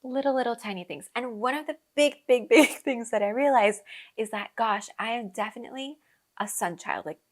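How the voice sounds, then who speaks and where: A woman's voice: a little high, normal speed. A young woman who was born in Colombia and grew up in the US, hosting a podcast and telling travel stories in a chatty way, with lots of fillers, laughing often and acting out her own reactions. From born in Colombia, raised in the US. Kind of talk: casual storytelling chat.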